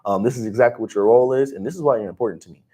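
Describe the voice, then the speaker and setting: A man's voice: mid-range voice, racing. Young guy in his 20s, slangy and hyped, handing out hiring tips on a stream. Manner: energetic, slangy, calls listeners bro. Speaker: livestream co-host. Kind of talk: casual advice chat.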